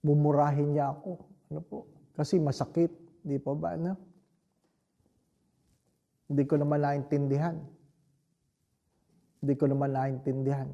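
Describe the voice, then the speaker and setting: A man with a Filipino accent, a priest giving a homily, telling a story slowly and reflectively and often turning to the listeners with rhetorical questions. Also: on the high side, level tone, creaky, mellow, dull audio. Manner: slow, reflective storytelling with frequent rhetorical asides.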